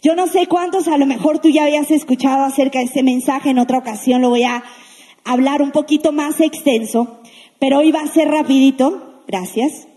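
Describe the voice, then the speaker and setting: A woman with a high, mellow voice gives a lively sermon to young listeners. She keeps checking in with the crowd and acts out small quotes. Her voice carries with a long reverb in a large hall. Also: moderate pace. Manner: lively, asks the audience questions, acts out quotes. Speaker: preacher. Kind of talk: sermon to a youth congregation.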